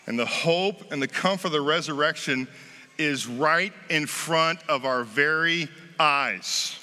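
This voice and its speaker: A man's voice: on the high side, bright, forceful tone. A man in his forties with an American accent, preaching an Easter sermon from a lectern on a church stage, rising and falling in force for emphasis. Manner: emphatic, swelling and dropping for effect, gesturing. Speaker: pastor. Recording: long reverb of a large sanctuary.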